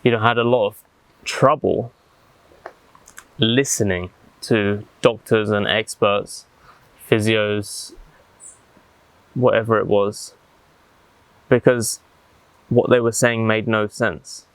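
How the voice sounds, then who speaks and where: A man speaking reflectively and haltingly, with deliberate pauses, as he vlogs outdoors in the jungle. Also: lowish voice, steady tone, clear, resonant tone, dry recording, low-quality recording. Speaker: vlogger. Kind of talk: reflective talk to camera.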